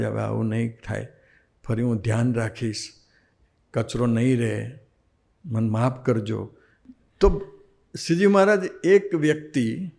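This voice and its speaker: Gujarati-accented swami telling devotional stories. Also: male voice, medium pitch. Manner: animated storyteller acting out quoted dialogue. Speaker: swami giving a discourse. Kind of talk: devotional sermon with storytelling.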